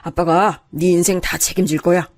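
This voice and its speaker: A man's voice: sits high, little pitch movement, normal speed, no echo. An older man voicing a doting father in an audio story, fond and boastful in a coaxing way. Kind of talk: storybook voice acting.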